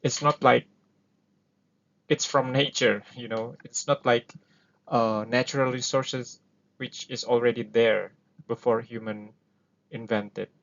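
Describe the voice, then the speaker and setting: A man with an Indonesian accent, using English as his second language, hosts an explainer with a slow, steady mid-range voice that has vocal fry and a fairly bright tone. He leaves long pauses and fills gaps often while working through ideas in a casual, hesitant manner. The audio is dull and lo-fi.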